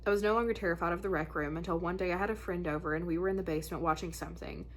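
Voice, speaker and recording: The host of a spooky story channel reads listener stories in a casual, conversational way, tossing in slangy asides. She sounds congested with a stuffy nose, speaking very fast in a fairly low voice with fairly even intonation.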